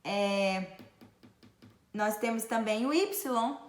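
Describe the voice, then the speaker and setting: Woman, Brazilian accent, pronunciation teacher, drawn-out examples, roomy echo. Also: fairly high pitch. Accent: Brazilian Portuguese. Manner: slow, drawn-out demonstration of sounds. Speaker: Portuguese teacher. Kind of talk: pronunciation lesson.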